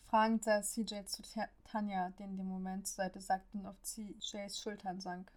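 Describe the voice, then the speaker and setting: A woman narrating a story as an audiobook reader, reading with an even, steady delivery. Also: medium pitch, normal speed.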